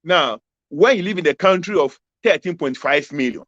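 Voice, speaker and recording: A man's voice: on the high side, lively intonation, moderate pace, fairly bright tone, dry recording. A man in his fifties with a Ghanaian accent, a political candidate answering interview questions over a video call that keeps freezing. He talks emphatically and repeats his key phrases. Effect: video call audio that keeps freezing and cutting out. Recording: dull, dry video call audio.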